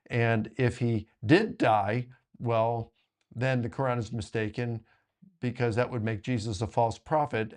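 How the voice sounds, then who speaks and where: Animated man telling a story. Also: mid-range voice. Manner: animated storyteller, quick asides. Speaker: guest author. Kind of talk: casual discussion.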